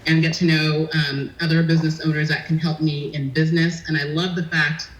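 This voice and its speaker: A woman's voice: sits low, level tone, brisk. A woman in her thirties, a business owner guest, talking in a chatty, outgoing way and laughing easily. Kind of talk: casual interview chat. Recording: echoey room.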